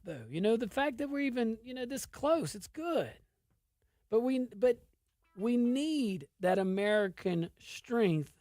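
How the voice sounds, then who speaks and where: A woman's voice: fairly high pitch, darkish tone, no room sound, studio quality. Emphatic woman with an Arkansas accent. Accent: Arkansas Southern US. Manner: emphatic, repeats phrases for stress. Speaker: political commentator. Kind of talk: informal political commentary.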